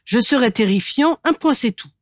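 A woman's voice: a little high, lively intonation, moderate pace, no room sound, clean studio sound, voice pushed up, close to an everyday voice. A woman voicing a kind young wolf in a children's storybook who sighs that he cannot be frightening. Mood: plaintive. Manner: sighing, plaintive.

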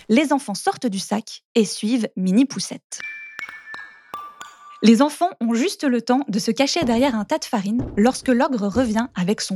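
A woman reading a children's storybook aloud in an expressive, animated way. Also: a little high, a little hiss or hum.

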